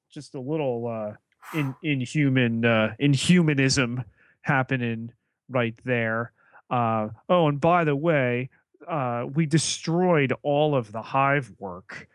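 A man co-hosting a podcast, recapping a TV episode in casual chat, halting with many fillers and restarts. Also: mid-range voice, dry recording. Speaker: podcast co-host.

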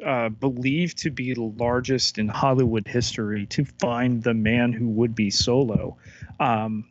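A man's voice: mid-range voice, no room sound, dull audio. A man co-hosting a casual film review chat, enthusiastic and packed with trivia, with frequent fillers. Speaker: podcast co-host.

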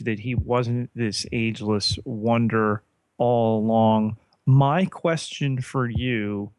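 A man co-hosting a podcast, talking in a measured way and putting questions to his co-host. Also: medium pitch, clear, resonant tone, no echo. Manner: measured, asks questions, many fillers. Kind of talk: casual podcast chat.

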